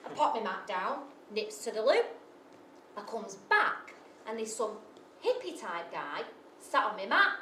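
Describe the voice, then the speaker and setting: Heard at a distance in a reverberant live venue, this storyteller delivers a comic monologue full of swearing, self-mockery and audience asides. Her medium-pitched voice is very animated, a touch slow, pushed and bright. There's a little hiss or hum.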